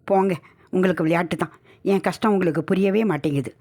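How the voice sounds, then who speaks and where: A woman's voice: on the low side, fairly quick, mellow. A woman voicing a young wife, affectionate and teasing, in a spoken horror story. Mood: tearful. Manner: coy, playful pleading.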